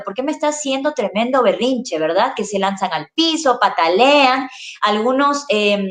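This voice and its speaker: A woman, a child neuropsychologist, patiently explaining parenting in an interview and adding little checking questions. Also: fairly high pitch. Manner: patient, explains with rhetorical tags. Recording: echoey room.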